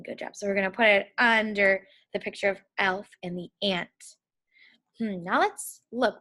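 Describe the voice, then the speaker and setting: Higher-pitched woman, slow encouraging phonics teacher. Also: fairly bright tone. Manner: slow, deliberate sounding-out with frequent questions to the children; encouraging, praising the listeners. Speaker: phonics teacher of young children. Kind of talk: children's phonics lesson, sounding out words.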